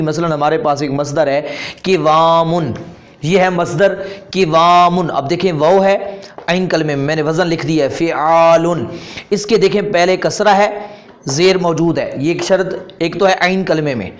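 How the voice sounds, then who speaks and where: A man with a Pakistani Urdu accent teaches a grammar lesson at a steady classroom pace. His voice sits a little high for a man. He repeats each term and asks his listeners questions, then answers them himself. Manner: patient, repeats terms and asks rhetorical questions.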